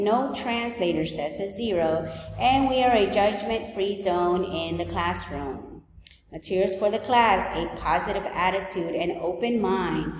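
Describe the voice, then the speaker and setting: A woman in her forties from El Salvador, a high school teacher, walking through her class rules and agenda in a clear, list-like way. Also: darkish tone, a little hiss or hum. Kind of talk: recorded open house presentation. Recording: echoey room, long reverb.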